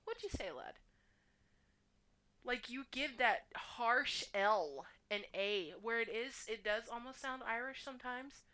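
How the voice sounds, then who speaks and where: A woman's voice: on the high side, a little slow, hardly any pauses, bright, forceful tone, rough recording. A woman with a Texan accent, chatting and teasing as a podcast co-host. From Texas, USA. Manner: chatty, laughs easily, teasing. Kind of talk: casual chat.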